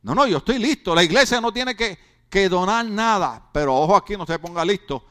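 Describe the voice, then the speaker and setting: A man's voice: high voice, animated, fairly quick, a bit bright. A male pastor preaching a humorous sermon, joking and chatty with rhetorical questions.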